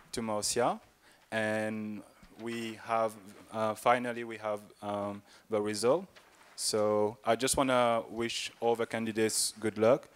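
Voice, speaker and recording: Low, flat-voiced male moderator. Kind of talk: moderating a panel.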